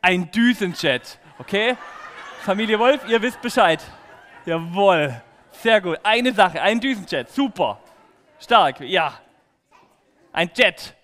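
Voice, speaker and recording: Brief: male children's preacher, high voice, playful and direct, echoing church hall. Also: takes it slowly, pauses often. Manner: lively, playful, talking directly to kids. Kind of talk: children's sermon. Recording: echoey hall reverb.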